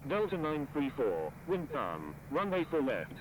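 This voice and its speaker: A man's voice: on the high side, wildly swooping pitch, measured pace. A man as an air traffic controller, heard as a radio transmission over a cockpit headset, speaking in clipped, formulaic phrases.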